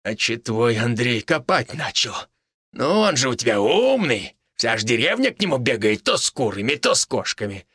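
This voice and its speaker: A man voicing a crazed, cackling old village criminal with a shrill, gleeful, menacing way of talking. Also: sing-song, normal speed, a bit bright, slightly rough, no echo, studio quality. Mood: gloating. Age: older.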